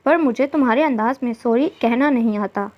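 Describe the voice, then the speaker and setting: Woman playing a coy young wife, storybook, high-ish, lo-fi muffled. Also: a little fast, lightly acted. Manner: teasing, coy. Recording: dull lo-fi recording.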